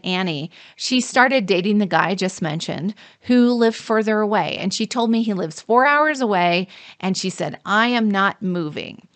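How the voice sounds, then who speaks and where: A woman dating coach talking through a podcast monologue, giving earnest, steady advice to listeners. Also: medium pitch. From United States.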